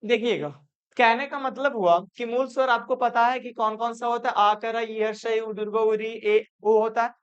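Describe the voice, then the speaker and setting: A man's voice: very high-pitched, steady tone, moderate pace, clear, resonant tone, dull audio. A male teacher giving a classroom grammar lesson, repeating points and asking and answering his own questions. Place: classroom with students.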